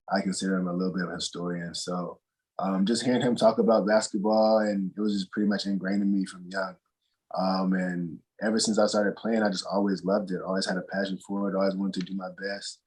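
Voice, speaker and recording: A young man from North Carolina, a college basketball player answering interview questions in a relaxed, rambling way full of fillers and restarts. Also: deep voice, breathy edge, low-quality recording. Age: young adult.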